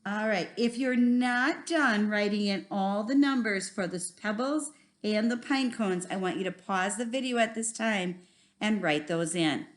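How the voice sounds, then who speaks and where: A woman's voice: mid-range voice, a little slow. A woman teaching a first grade lesson, talking simply and encouragingly to children like a kids show host. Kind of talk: instructional math video lesson for young children.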